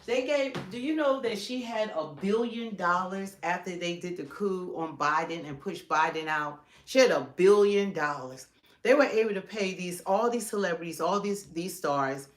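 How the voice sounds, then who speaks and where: A woman's voice: lowish voice, normal speed. A middle-aged woman with an American accent co-hosting a live stream, giving casual, emphatic political commentary and piling up points in lists.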